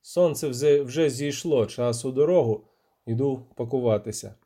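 A man's voice: mid-range voice, normal speed, warm tone, close to an everyday voice. A man voicing a blunt, weary male monster hunter in an audiobook, dry and scolding. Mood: dryly scolding. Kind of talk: audiobook character voice.

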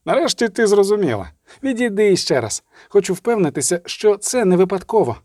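A man voicing a loud, brash sword trainer in an audiobook, shouting. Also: sits high, very animated, fairly quick, no room sound, clean studio sound, pitched above the performer's own voice.

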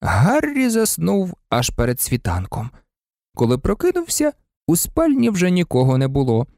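A man narrating an audiobook in an expressive, animated way. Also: mid-range voice, creaky, no echo, studio quality.

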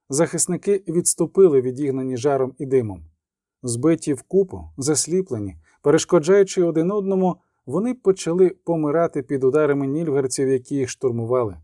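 A man narrating a fantasy battle audiobook in a steady, measured storytelling voice. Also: fairly high pitch, no room sound, clean studio sound.

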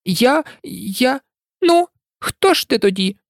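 A shrieking, frantic mother pigeon, voiced by an audiobook reader, scolding in high, wildly swooping cries. She sounds harried and indignant, as if she has not slept for weeks. The recording is dry and close. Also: big pitch swings, takes it slowly, gravelly, no echo, full character voice. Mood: scornful. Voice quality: shrill, shrieking. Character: frantic shrill female pigeon guarding eggs. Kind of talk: audiobook reading.

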